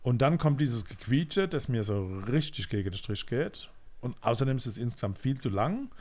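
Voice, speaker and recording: A man's voice: medium pitch, sing-song, normal speed, darkish tone. Male podcast co-host, blunt and jokey, casual music review.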